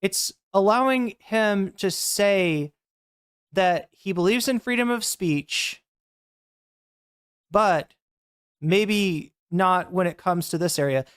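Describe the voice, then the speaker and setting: A woman streaming to her chat, reacting to clips in a blunt, heated way and swearing freely. Her voice sits in an ordinary middle pitch. The sound is close and dry, with no room echo. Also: slow pace, pauses often, smooth. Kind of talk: casual livestream commentary.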